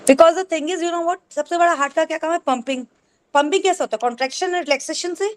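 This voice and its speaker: A woman's voice: very high voice, normal speed. A woman co-presenting an acupressure class over a video call, explaining step by step in a teaching tone. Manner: explains step by step, checks with "ठीक है?". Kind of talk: explanatory teaching, mixing in English.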